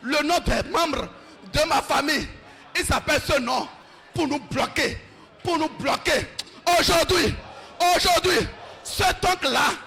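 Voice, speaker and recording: High, fervent shouting preacher man. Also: measured pace, creaky. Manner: fervent, repeats short commands over and over. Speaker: pastor. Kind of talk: shouted deliverance prayer.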